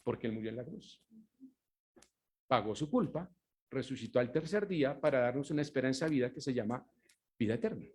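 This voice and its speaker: A male pastor preaches emphatically, slowing down to stress key words and posing rhetorical questions for his congregation to finish. His voice is medium-pitched, expressive, and a little mellow.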